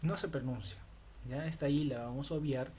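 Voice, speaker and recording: A man's voice: on the high side, warm tone, a little hiss or hum. Patient male language teacher. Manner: patient, repeats words slowly, asks ¿ok? often. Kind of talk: online language lesson.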